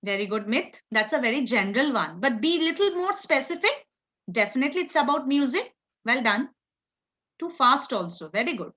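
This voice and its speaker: A woman's voice: high voice, very animated, moderate pace, sharp tone. A woman with a North Indian accent teaching a live online class, encouraging students with short, repeated praise. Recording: slightly dull, lo-fi audio.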